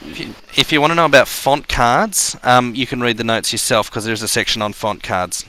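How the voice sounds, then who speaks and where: A man's voice: medium pitch, steady tone, brisk, bright, forceful tone, slight background noise. A man teaching a computer course, explaining hardware casually with many ums and restarts. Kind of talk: spoken class lecture.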